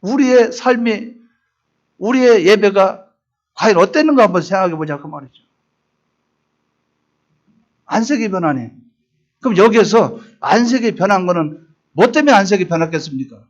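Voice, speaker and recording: Male pastor, high-pitched, dramatic preaching delivery, muffled church recording. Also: lively intonation, normal speed, pauses often. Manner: preaching with dramatic voiced quotes, rising to emphatic peaks. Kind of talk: sermon.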